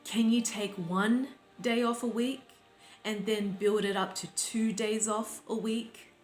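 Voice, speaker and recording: Woman, life coach, unhurried and instructive, reverberant room, faint music bed. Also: mid-range voice, steady tone. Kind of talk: reflective talk to camera. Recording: roomy sound with faint background music.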